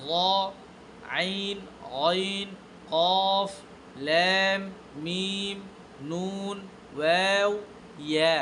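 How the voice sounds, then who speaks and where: A man teaching Quran recitation to a class, asking repeated questions and answering them himself, and reading out letter names slowly one at a time. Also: high voice. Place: classroom with students present. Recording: noisy classroom recording.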